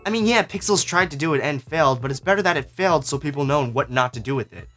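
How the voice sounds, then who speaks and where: Over soft background music, a young man speaks quickly and expressively in a high-leaning, fairly bright voice. He's a film student hosting a video essay, giving casual, scripted review commentary that's sarcastic and sweary.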